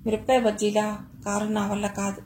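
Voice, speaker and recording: A woman's voice: mid-range voice, monotone, fairly quick, a little hiss or hum, natural voice. A woman reading a shy young college girl. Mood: playful protest. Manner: hesitant, gently protesting.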